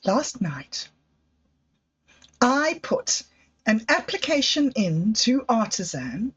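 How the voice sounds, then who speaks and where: On a casual livestream, a woman with a fairly high, sing-song voice that's a little bright and breathy speaks slowly, reflecting with hesitation and self-doubt on her projects. The audio is slightly dull and lo-fi.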